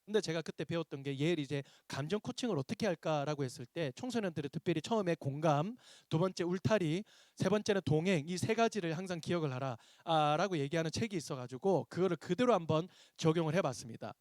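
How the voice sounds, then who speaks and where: A man's voice: a little high, fast talker, hardly any pauses, dry recording, clean studio sound. A man, a pastor, giving a seminar lecture to teachers, telling stories and acting out the dialogue in them. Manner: animated storyteller acting out dialogue. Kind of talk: seminar lecture with acted anecdotes.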